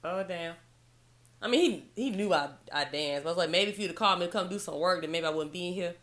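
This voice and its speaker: Brief: young woman vlogger, bright voice, animated storyteller who jumps high to quote herself. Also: fast talker. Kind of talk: casual storytelling to camera.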